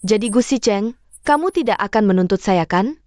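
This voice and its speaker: A woman's voice: medium pitch, animated, normal speed, dark tone, no echo, clean studio sound, lightly acted. A woman dubbing a TV drama role: an envious younger sister who speaks with resentment and pleads. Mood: pleading. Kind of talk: Indonesian dub of a TV drama.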